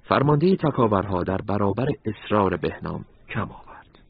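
A man narrating a story in a measured, dramatic way. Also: fairly low pitch, expressive, breathy edge, phone-quality sound.

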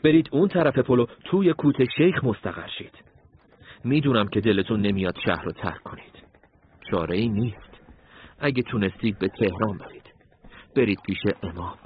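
Man doing a grave commander, fatherly and earnest, low voice, tinny phone-like sound. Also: a little hiss or hum, natural voice. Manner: urging, earnest. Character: resolute male military commander, grave, fatherly.

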